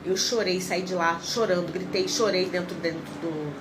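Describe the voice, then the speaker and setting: A Brazilian woman in her thirties tells personal stories on a livestream, with a slightly low voice. She is animated and acts out the people she quotes. A clear layer of background noise sits behind her. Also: moderate pace. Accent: Brazilian Portuguese. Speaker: reiki practitioner. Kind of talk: casual livestream chat.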